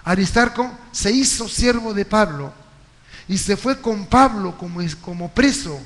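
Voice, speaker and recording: Man, pastor, high voice, storytelling sermon, long church reverb, livestream. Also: animated, unhurried. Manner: storytelling preacher, acts out crowd voices. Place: church hall.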